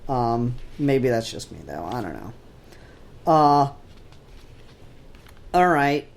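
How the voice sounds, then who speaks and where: Speaking slowly in a creaky, mid-range voice, this man is very animated as he co-hosts a podcast. He chats casually about comic books and doesn't hold back his blunt opinions.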